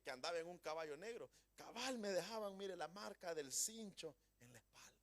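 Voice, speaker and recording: High-voiced man preaching emphatically. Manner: emphatic preaching with rhetorical questions to the congregation; folksy humor. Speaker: pastor. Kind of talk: Pentecostal sermon. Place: church.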